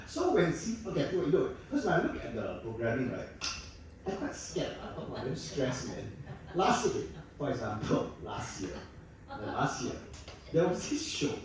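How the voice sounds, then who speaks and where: A Singaporean man in his sixties jokes and banters with a theatre audience in a high, very animated voice. His voice bounces around a big echoey hall. The mic catches him from a distance, with faint room ambience behind. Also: a little hiss or hum. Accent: Singaporean English. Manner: playful, teasing banter with the audience, bursts of laughter. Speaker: stand-up comedian. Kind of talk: live stand-up comedy. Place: theatre stage before a live audience.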